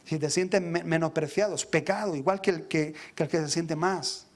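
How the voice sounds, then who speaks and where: A pastor preaches in a high, ringing voice. He speaks with fervor, calling out to his brothers in the congregation, and stutters over repeated words when he pushes hardest. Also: normal speed. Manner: impassioned, addresses listeners as brothers, repeats words when fired up. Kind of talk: sermon.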